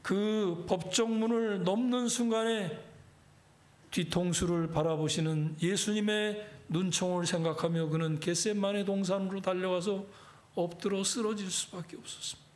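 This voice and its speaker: A man's voice: high-pitched, steady tone, normal speed. A middle-aged male pastor preaching a sermon, telling the story dramatically and acting out the lines of each figure.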